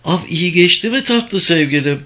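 A honeyed, coaxing woman's voice, put on by a male audiobook reader, pitched high and light. She is ruthless and scheming beneath the sweetness. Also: animated, normal speed, sharp tone.

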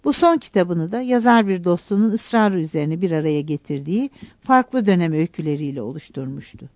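A woman reads a literary novel aloud in a calm, even storytelling voice. Her tone is mellow and warm, and the recording is close and dry with no room sound. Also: fairly low pitch, brisk, dry recording. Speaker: audiobook narrator. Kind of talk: literary audiobook narration.

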